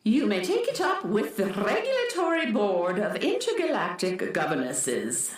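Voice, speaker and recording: A woman's voice: mid-range voice, wildly swooping pitch, normal speed. A woman playing a stern, pompous alien governess in a children's radio comedy, imperious and haughty as an unbending jailer. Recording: heavily echoing voice.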